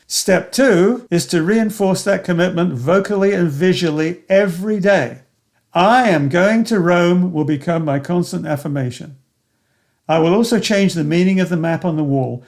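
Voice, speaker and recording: A man's voice: high-pitched, a little mellow. Older man narrating his memoir, earnest. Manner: earnest, reflective storytelling in the present tense. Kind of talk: scripted first-person memoir narration.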